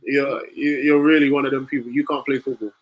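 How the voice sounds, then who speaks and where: A man's voice: medium pitch, little pitch movement, fast talker. A man hosting a football watch-along stream, teasing his viewers, laughing often and reacting to the play as it happens. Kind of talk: casual live-stream chat.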